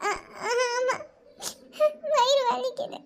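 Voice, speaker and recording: A woman voicing a tearful, clingy young bride in a cartoon, sobbing and pleading in a high, strained voice. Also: normal speed, a bit bright.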